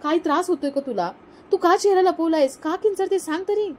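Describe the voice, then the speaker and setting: A woman voicing a gentle, teasing young husband. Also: extremely high pitch, fairly quick, slight background noise, voice pushed up. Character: caring, playful young husband.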